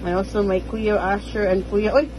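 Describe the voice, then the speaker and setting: A woman's voice: medium pitch, little pitch movement, moderate pace, close to an everyday voice. A woman speaking as a baby boy greeting family. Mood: cheerful. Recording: noisy home recording.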